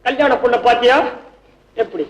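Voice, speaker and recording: An actor playing a weepy, whining young rich heir in an old film comedy, talking in a sing-song whine. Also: male voice, very high-pitched, moderate pace, highs cut off. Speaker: comic lead, a weepy rich young heir called minor. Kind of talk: 1960s film comedy acting. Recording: echoey old film soundtrack.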